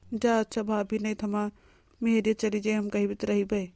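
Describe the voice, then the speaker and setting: A woman's voice: mid-range voice, completely flat delivery, fairly quick, creaky, dark tone, no echo, studio quality, lightly acted. A woman voicing a confused, henpecked young husband with an Awadhi accent. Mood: puzzled.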